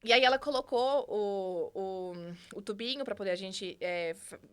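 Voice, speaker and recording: A young Brazilian woman with a Brazilian Portuguese accent, a podcast guest telling her story in a casual interview, animated and acting out the dialogue. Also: mid-range voice, smooth. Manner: animated, acts out dialogue with quick restarts.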